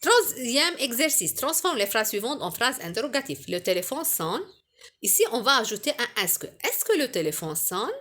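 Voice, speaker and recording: Woman teacher, grammar lesson; patient, clear, sing-song, slightly high voice. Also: very animated, moderate pace, a bit bright. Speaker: French teacher.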